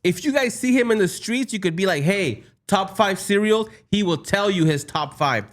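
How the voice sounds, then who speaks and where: A man with a slightly high voice co-hosts a relaxed podcast chat. He talks casually and loosely, tossing in quick asides. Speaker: podcast co-host.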